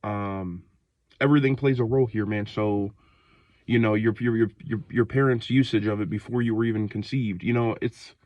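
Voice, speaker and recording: A man's voice: on the low side, fairly even intonation, normal speed, darkish tone, no echo. A man in his twenties, sick and short of breath, rambling loosely in a slangy casual rant, outdoors in the cold. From Ohio, United States. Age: 20s. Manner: rambling, loose, slangy, many fillers and restarts. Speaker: vlogger.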